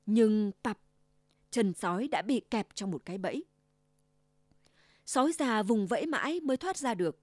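A woman narrating a children's fairy tale in an expressive, storytelling way. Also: mid-range voice, moderate pace, long pauses, dry recording, clean studio sound.

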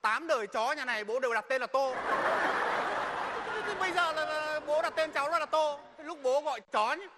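A man's voice: very high voice, fairly quick, very noisy. A man playing a cheeky young husband and new father who teases and argues with his father. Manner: teasing, argumentative. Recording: loud music underneath.

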